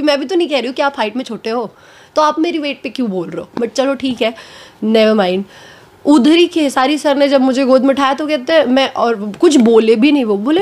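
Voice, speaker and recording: A woman actress giving a casual interview at home, talking frankly and a little hoarse from a cold, slipping English phrases into her speech. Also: high voice.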